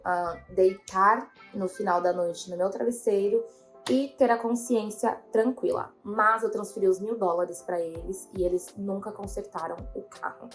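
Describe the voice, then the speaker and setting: A young woman, telling a story to her viewers in a rambling way, full of fillers and quotes of herself. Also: mid-range voice. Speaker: vlogger.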